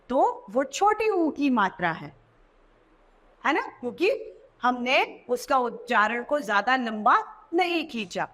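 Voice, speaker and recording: Woman teacher for a kids' lesson: high, animated pitch, unhurried delivery. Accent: Hindi. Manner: slow, sounds words out and repeats them. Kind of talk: children's Hindi lesson.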